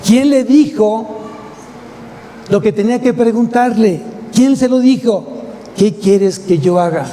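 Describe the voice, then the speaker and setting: Mexican male pastor, higher voice, mellow tone; emphatic sermon with rhetorical questions, long church reverb. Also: slow pace. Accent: Mexican Spanish. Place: church sanctuary. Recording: long church hall reverb, faint noise.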